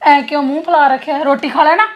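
A woman acts out an anxious sister-in-law who coaxes and pleads. She talks quickly in a slightly high voice. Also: fairly even intonation, dull audio, lightly acted. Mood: coaxing. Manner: coaxing, pleading. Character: caring young sister-in-law, anxious peacemaker. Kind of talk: rural Punjabi web drama acting.

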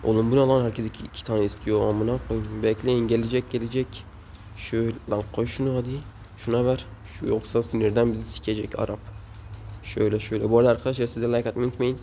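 A man's voice: medium pitch, little pitch movement, quick pace, gravelly, dark tone, a little hiss or hum. A man hosting a gaming channel, giving casual gameplay commentary at home, rowdy and swearing often as he scolds the game's characters.

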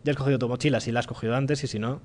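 A man with a Spanish accent from Spain giving a relaxed, joking live-coding talk in a lecture room, thinking aloud as he goes. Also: mid-range voice, very fast. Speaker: conference speaker.

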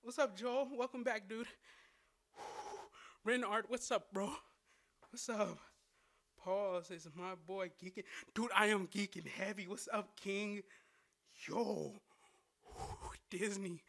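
A man's voice: high-pitched, slow, vocal fry, pauses often, fairly bright tone. A young man live-streaming a game, greeting chat by name with lots of slang and hyped chatter.

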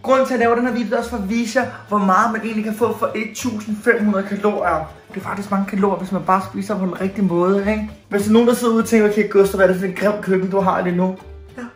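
A man's voice: high voice, fairly even intonation. Man, 30s, fitness coach vlogging; playful and chatty, roomy kitchen sound with faint music. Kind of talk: casual cooking vlog. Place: small home kitchen. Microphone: camera at medium distance.

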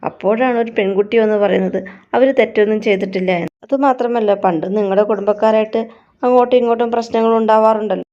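A woman reading the lines of a male police officer who explains firmly and calmly. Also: mid-range voice, quick pace, highs cut off, lightly acted. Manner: firm and explaining.

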